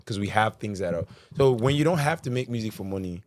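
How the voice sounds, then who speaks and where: Casting: man, South London accent, fairly deep, casual slangy interviewee, dry sound. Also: animated, fast, a little mellow, dry recording. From South London, England. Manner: slangy, often addressing listener as bro. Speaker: independent music artist being interviewed. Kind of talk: casual chat.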